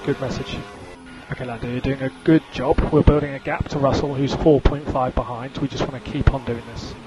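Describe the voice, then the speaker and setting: A race engineer talks over team radio in a medium-pitched, steady, brisk male voice, giving clipped, businesslike instructions and repeating the key calls. The radio link is very noisy, with engine and vehicle noise plus some music in the background.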